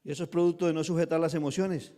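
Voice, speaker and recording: A man preaching a sermon as a pastor, with sudden loud bursts of emphasis and quick acted asides. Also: on the high side, steady tone, big-room sound. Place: church hall.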